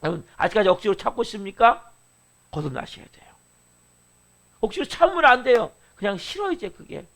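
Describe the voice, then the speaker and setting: A man's voice: high voice, very animated, brisk, vocal fry, long pauses, fairly bright tone. A middle-aged man preaching a dawn service sermon, emphatic and full of rhetorical questions to the congregation. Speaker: pastor.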